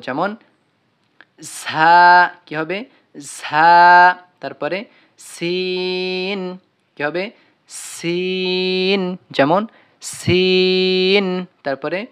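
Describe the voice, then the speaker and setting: Smooth-voiced Quran letter teacher. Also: mid-range voice, fairly bright tone. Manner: drawn-out, sung-out letter names in call-and-response drills; repeats and quizzes the viewer. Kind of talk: online lesson. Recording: slightly dull, lo-fi audio.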